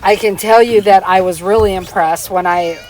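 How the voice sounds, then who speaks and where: A woman chatting casually as a parent, excitable and quick to laugh, asking her partner questions. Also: medium pitch. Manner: excitable, laughs often, animated. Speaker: parent and interviewer. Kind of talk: casual chat.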